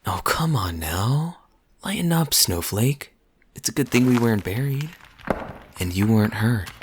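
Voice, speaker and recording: Man acting as Kaeya, slow, suave low-voiced flirt. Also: a little hiss or hum. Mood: playful, teasing. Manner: smooth teasing, chuckling, deliberate phrasing. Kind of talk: intimate audio roleplay acting, addressed to listener.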